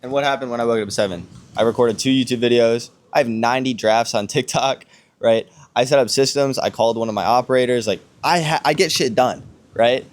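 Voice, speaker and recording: A man's voice: mid-range voice, a little fast. A man co-hosting a casual motivational podcast, posing rhetorical questions and often checking his points with a tag question. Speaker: podcast co-host. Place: outdoors on a villa balcony.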